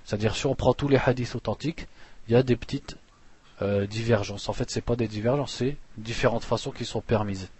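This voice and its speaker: A man teaching a religious lesson, reading passages fast and then explaining them plainly with restarts. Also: mid-range voice, darkish tone. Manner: reads Arabic passages quickly, then explains slowly with restarts; clears throat now and then.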